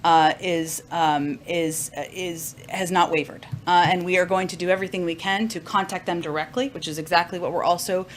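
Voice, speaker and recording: A woman answers questions as press secretary in a briefing room, speaking in a measured tone with many "uh" pauses. There is a faint hiss under her voice. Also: fairly low pitch, fairly even intonation.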